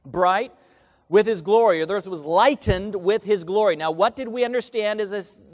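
Speaking at normal speed in a high-pitched voice, a man delivers a call-and-response sermon. He reads scripture and asks questions the congregation answers, echoing through a large hall with long reverb.

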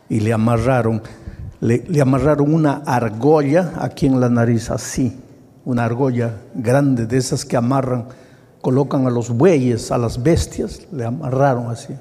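A man preaching a sermon as a pastor, telling stories and swinging between loud, high exclamations and hushed, slow passages. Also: breathy edge, in a large hall.

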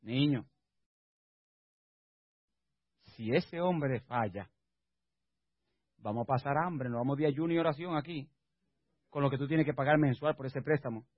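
A male preacher voicing his cautious, worried wife in a quiet, lowered voice. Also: moderate pace, long pauses, no echo, muffled recording, natural voice.

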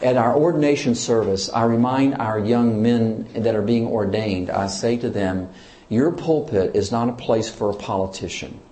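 A man's voice: fairly low pitch, moderate pace, reverberant, a little hiss or hum. A man, a church leader, teaching in sermon style, asking his listeners questions and pressing his points with emphasis. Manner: asks the audience questions, lively and emphatic.

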